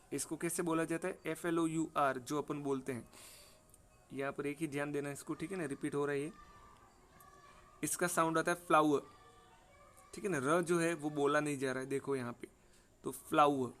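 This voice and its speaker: A man's voice: fairly high pitch, fairly even intonation, normal speed, long pauses, a bit bright. A man teaching pronunciation for an exam, spelling out words letter by letter and often asking "ठीक है ना" to check understanding. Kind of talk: exam prep lesson.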